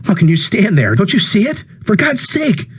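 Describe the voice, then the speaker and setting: A man voicing a panicked middle-aged male shopkeeper who shouts frantically in a high, husky voice. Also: wildly swooping pitch, normal speed, full character voice. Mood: frantic.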